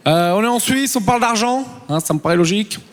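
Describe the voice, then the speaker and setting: A man's voice: sits high, expressive, fast talker, long reverb tail, slight background noise. A man doing stand-up in a cocky, casual way, talking straight to the crowd. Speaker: stand-up comedian. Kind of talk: stand-up set. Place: large theater stage.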